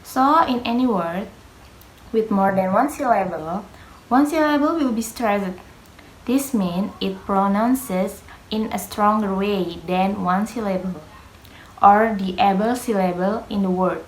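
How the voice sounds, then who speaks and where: A woman's voice: mid-range voice, a little slow, slight background noise. A young woman who speaks Indonesian as her first language, giving a hesitant class presentation on pronunciation, with many fillers and grammar slips. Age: young adult. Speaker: student presenter. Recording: echoey room.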